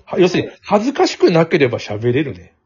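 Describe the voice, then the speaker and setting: A man's voice: on the high side, huge pitch swings, quick pace, a little mellow. A man hosting a casual podcast chat, rambling and laughing often as he talks. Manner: rambling, chatty, laughs often, mixes standard and Kansai speech. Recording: dull lo-fi sound.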